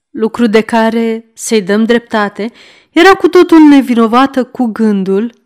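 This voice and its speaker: A woman reading a classic novel aloud as an audiobook narrator, in a measured storytelling manner. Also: a little high, darkish tone.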